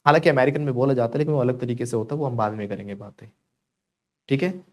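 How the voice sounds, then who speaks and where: A man's voice: medium pitch, quick pace. A man with an Indian accent teaching a live spoken English class, joking playfully and repeating words over and over as drills.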